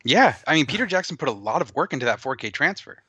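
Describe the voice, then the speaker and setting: A man's voice: mid-range voice, sing-song, fast talker, sharp tone, breathy edge, no echo. A man co-hosting a gaming podcast, bantering and teasing in casual chat. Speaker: podcast co-host.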